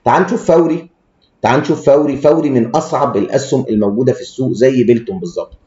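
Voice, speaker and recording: Fast-talking Egyptian stock analyst. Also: male voice, mid-range voice, mellow. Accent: Egyptian Arabic. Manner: brash, blunt and crude, with frequent stammered restarts. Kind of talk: rapid technical market commentary. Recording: echoey room, dull lo-fi sound.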